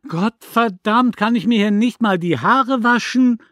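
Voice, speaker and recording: A man voicing a coarse, mocking neighbor woman who yells back in a brash, sneering way, in an audiobook reading. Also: high-pitched, a little slow, no room sound, studio quality, pitched above the performer's own voice. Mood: sneering, yelling.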